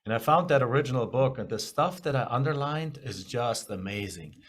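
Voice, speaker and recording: Interview guest: middle-aged man with a German accent, mid-pitched, candid and rambling. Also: lively intonation, fairly quick. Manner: rambling, self-correcting, candid. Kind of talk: casual storytelling interview.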